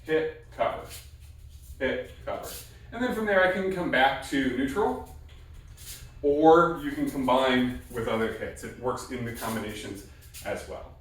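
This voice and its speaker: A man's voice: mid-range voice, moderate pace. Guy teaching martial arts basics step by step, short repeated cues, super echoey room, mic kinda far away. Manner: explains step by step with short repeated cue words. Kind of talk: instructional demonstration talk.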